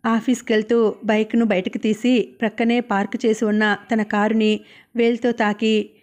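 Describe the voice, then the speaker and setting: Even-toned woman narrating an audiobook. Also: a little high, normal speed. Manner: steady, even reading.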